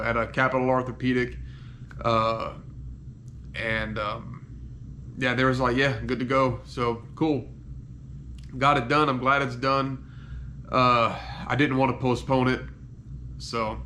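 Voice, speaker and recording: A slow-speaking man gives a casual, unscripted recovery update in halting phrases that often trail off. He is in pain after surgery, on painkillers and stuffed up with a cold, with faint noise behind him. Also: mid-range voice, fairly bright tone. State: congested from head cold and sinus trouble. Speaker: patient giving a recovery update. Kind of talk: casual personal video diary, unscripted.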